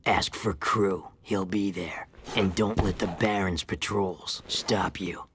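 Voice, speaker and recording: An actor playing a gruff, commanding underground resistance boss in a video game, curt and authoritative, with a husky gravelly voice. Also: male voice, low voice, fairly even intonation, slow, noisy background. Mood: curt, brisk.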